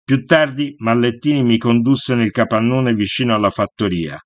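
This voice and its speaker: A man reads a first-person novel aloud, steady and unhurried. His voice sits at a middling pitch, and the recording is close and dry with no room sound. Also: no echo. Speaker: audiobook reader.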